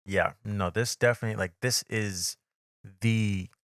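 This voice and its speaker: A man co-hosting a casual podcast, speaking in a measured, agreeable way and thinking aloud. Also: on the low side, fairly bright tone, no echo, studio quality. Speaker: podcast co-host. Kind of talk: casual chat. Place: home studio. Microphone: desk mic on a live stream.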